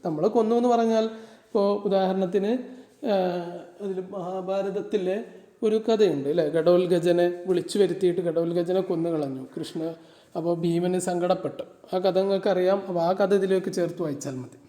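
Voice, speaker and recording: A man teaching Arabic grammar. He reads Arabic lines slowly and then explains them in quick, chatty asides. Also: sits high, steady tone, mellow, reverberant. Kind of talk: classroom-style lesson explaining Arabic verses.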